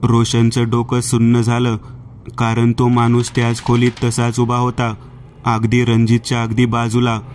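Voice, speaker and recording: Male horror narrator, slow and steady, extremely flat delivery. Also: medium pitch, background noise. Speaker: horror storyteller.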